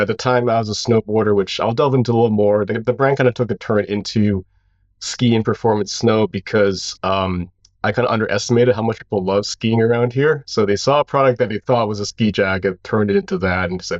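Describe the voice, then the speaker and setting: A man in his thirties from Hawaii, a brand founder, who tells his story casually in a relaxed, rambling way and fills it with "you know". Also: lowish voice, quick pace, no room sound, dull audio. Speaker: founder of a clothing brand, guest.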